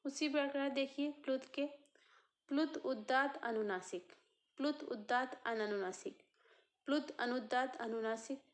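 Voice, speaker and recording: A woman teacher giving a lecture, slow and repetitive, posing questions and answering them herself. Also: high voice. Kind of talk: Hindi grammar lecture.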